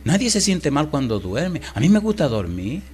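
A gentle, brave six-year-old boy near death, speaking softly to comfort his mother, as a preacher gives him voice. The tone is quiet and tender. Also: fairly high pitch, sing-song, normal speed, slight background noise.

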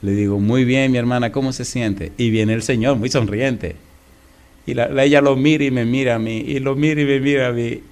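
A middle-aged male pastor preaching a sermon, telling a story and acting out the dialogue, swinging from loud to hushed. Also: medium pitch, fairly even intonation, brisk.

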